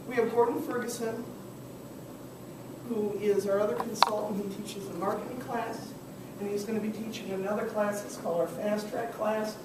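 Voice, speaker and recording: A far-off camera records a hoarse woman, losing her voice, as she teaches a small business class in a very echoey room with clear background noise. Her pitch is ordinary, and she chats while tossing questions to the students.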